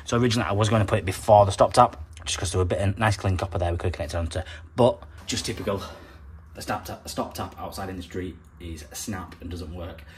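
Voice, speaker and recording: A young man talks through his plumbing work in a relaxed, practical vlog manner. His voice sits fairly low, and he explains each step plainly as he goes. A faint hum of background noise runs under the phone recording. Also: fast. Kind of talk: casual vlog narration. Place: factory floor, then a house kitchen.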